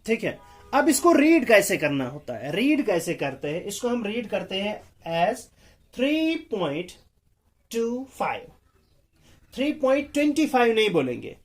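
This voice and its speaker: A man teaches a math lesson with English terms mixed in, his high-pitched voice swooping wildly. He speaks slowly, repeats himself, and frequently makes sure his students are following.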